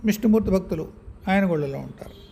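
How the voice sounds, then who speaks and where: A man giving a reflective spiritual talk, measured, pausing often and correcting himself, with English words mixed in. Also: sits high, creaky, husky, dull audio. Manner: measured, with many pauses and self-corrections; mixes English words into speech.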